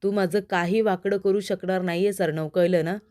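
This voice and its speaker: A smug, menacing male villain from a TV serial who taunts his rivals, read aloud by a woman. His delivery is gloating and mocking. The voice stays soft and mellow. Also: fairly low pitch, steady tone, moderate pace, close to an everyday voice.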